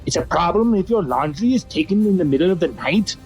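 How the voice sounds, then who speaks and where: A man's voice: high-pitched, lively intonation, quick pace, faint music behind, voice pushed up, rough recording. A man voicing Happy, a naive, literal-minded toy who asks innocent, confused questions. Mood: puzzled.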